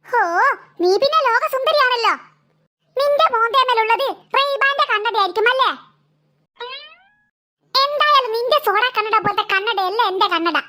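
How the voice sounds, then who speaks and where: A voice actor in an animated cartoon plays a cheeky, quarrelsome schoolboy with a Malabar Malayalam accent, boastfully teasing, bragging and making mock threats. The voice is very high and sharp, at normal speed with long pauses.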